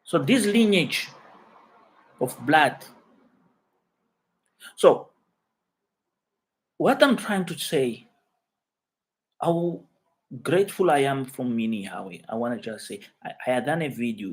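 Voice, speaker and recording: A Mozambican host whose native language is Chuabo chats casually with viewers on a live stream from his living room, reading their comments. His speech, in a mid-range voice, is halting English with frequent fillers and restarts.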